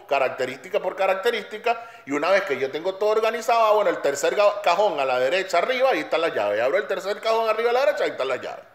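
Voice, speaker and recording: A man delivering a blunt, emphatic opinion monologue. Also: high-pitched. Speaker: commentator. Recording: roomy echo.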